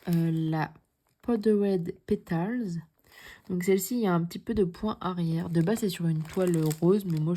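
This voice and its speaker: A young woman showing her cross-stitch patterns in a casual vlog, chatty and repeating herself, often dropping to a soft near-whisper. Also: fairly low pitch, slight background noise. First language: French. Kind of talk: casual show-and-tell vlog.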